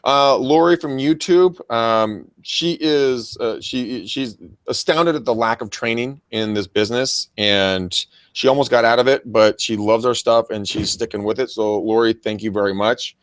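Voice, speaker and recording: A very loud American man, an agent and co-host of a real estate training show, chats enthusiastically and without a script, giving shout-outs and using lots of bro slang and swearing. He speaks at a moderate pace in a mid-range voice from a private office, with no echo.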